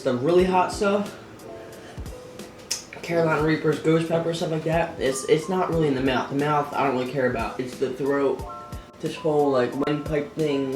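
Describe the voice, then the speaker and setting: A man vlogging casually while his mouth and throat burn from very spicy food. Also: fairly high pitch. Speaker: vlogger doing a food challenge. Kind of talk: casual vlog chat. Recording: roomy echo, music behind.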